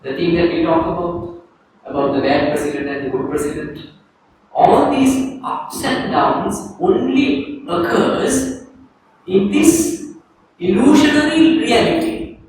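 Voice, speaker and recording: A Sri Lankan man, a Buddhist monk, giving a calm dharma talk to a group and leading a guided reflection. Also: high-pitched, slow pace. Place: teaching hall in Sri Lanka. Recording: echoey room, distant mic, faint noise.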